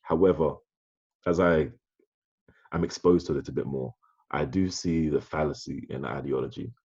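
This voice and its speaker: A man with a very deep, dark and husky voice hosts a podcast conversation. He talks thoughtfully and often restarts his sentences. The recording sounds dull and lo-fi. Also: moderate pace. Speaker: podcast host.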